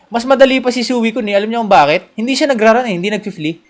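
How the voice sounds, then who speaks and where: A young Filipino man livestreaming a game in casual commentary, joking, teasing and coaxing, with sudden loud outbursts. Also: extremely high pitch, rapid-fire. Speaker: gaming streamer.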